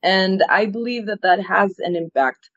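An earnest woman gives her opinions in an interview, often backing up to restart a phrase. Her voice sits at an ordinary pitch. The sound is a little dull and very dry, with no room around it. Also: moderate pace, a bit bright, dry recording. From Ecuador. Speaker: political campaigner guest. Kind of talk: interview answers.

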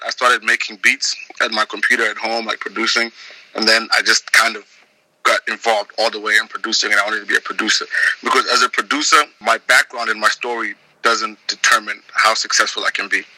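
A man's voice: on the low side, fairly quick, no room sound, rough recording. A young man from Zimbabwe, a music producer, talking casually as an interview guest with lots of restarts and fillers. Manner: relaxed, rambling with many restarts.

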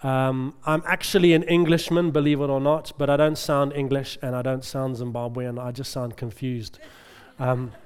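A middle-aged male preacher delivers a conversational sermon, chatting and frequently checking in with his congregation. His voice is medium-pitched with a clean tone, and a large hall's long reverb surrounds it.

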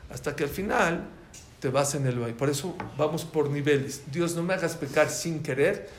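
Animated rabbi in an echoey room. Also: male voice, on the high side, moderate pace. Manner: animated storyteller, voice rising in quotes. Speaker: rabbi teaching a class. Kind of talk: Torah lesson with storytelling. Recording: echoey room with faint ambient noise.

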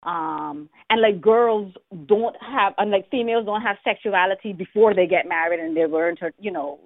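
A woman from the Bahamas, an author talking candidly in an interview, animated and laughing often, with many restarts. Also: mid-range voice, normal speed, no echo. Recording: tinny phone-line sound.

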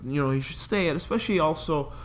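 A man with a slightly high-pitched voice co-hosts a casual sports podcast. He speaks informally and loosely, working through his opinions with plenty of conversational filler. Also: quick pace, a little hiss or hum. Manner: informal, loose phrasing peppered with "like" and "you know". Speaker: podcast co-host.

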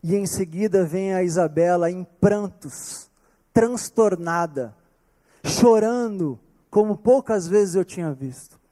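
A man with a Brazilian accent preaching a sermon, telling a personal story earnestly and slowing down on key words. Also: sits high, dark tone. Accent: Brazilian Portuguese. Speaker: pastor.

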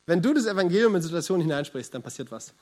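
A young man preaching a sermon at a church service, animated and encouraging, with rhetorical questions to the congregation. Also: on the high side, very fast. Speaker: pastor.

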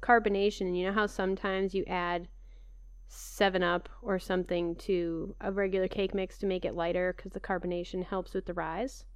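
A woman co-hosting a podcast in a casual, conversational and animated way. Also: lowish voice, normal speed, clean tone, no echo, studio quality. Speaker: podcast co-host. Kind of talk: casual chat.

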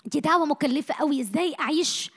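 A woman preaching a sermon to young people, passionate, moving from loud bursts to hushed lines, her voice a little tired. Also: sits high, quick pace. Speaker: missionary speaker. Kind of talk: sermon to a youth meeting.

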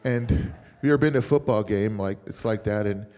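A middle-aged pastor with a fairly low, mellow voice speaks briskly, telling stories in a rambling, chatty sermon and laughing often. It's informal sermon storytelling in a church, recorded in a reverberant church hall.

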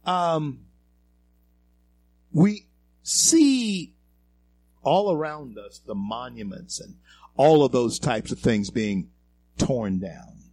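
A male talk show host from Louisiana in the American South gives a halting monologue packed with fillers and repeated words that builds to emphatic peaks. His voice is medium-pitched, darkish and very animated.

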